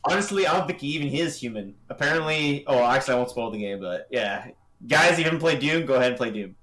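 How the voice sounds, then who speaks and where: A man's voice: mid-range voice, expressive, fast talker, a bit bright, slight background noise. A young man co-hosting a casual livestream, judging animation entries in a laid-back way, laughing often and restarting his sentences.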